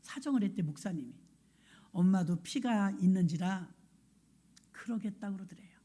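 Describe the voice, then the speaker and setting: A woman's voice: medium pitch, animated, normal speed, mellow, breathy edge. A middle-aged woman pastor preaching a sermon, telling a story and acting out the people in it.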